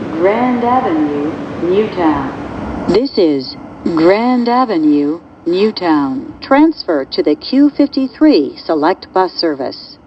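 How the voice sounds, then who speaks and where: A woman with a low voice slowly announces subway stops in a scripted, recorded transit message played over the speakers inside a subway car. The capture is dull and lo-fi, with loud train noise.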